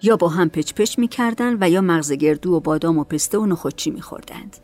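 Casting: calm female storyteller, lowish voice, faint music underneath. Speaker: narrator. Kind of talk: storybook narration.

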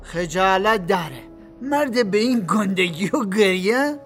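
A woman voicing a gruff mountain leader man. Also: deep voice, expressive, soft background music, heavily acted. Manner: blunt, bossy, later gentle.

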